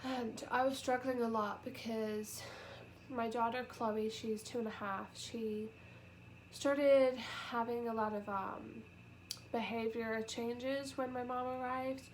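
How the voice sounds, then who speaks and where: A young British vlogger talks to her camera at home, sniffly and nasal from a cold and close to tears. Her voice is a little high and steady in tone, and she speaks softly and haltingly, with many pauses, fillers and trailing sentences. The audio is poor, with a faint hiss underneath.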